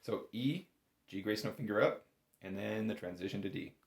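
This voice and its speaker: This bagpipe teacher speaks at a normal pace in a fairly low, gravelly voice. His lesson is informal and methodical, patient and encouraging, recorded in a reverberant room.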